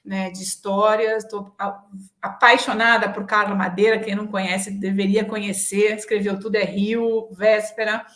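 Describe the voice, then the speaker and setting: A Brazilian business executive in her forties, guesting on an interview, reflects on herself frankly and with self-assurance, often checking in with short tags. Her medium-pitched, fairly bright voice moves little in pitch and keeps a moderate pace. The recording is roomy and echoing.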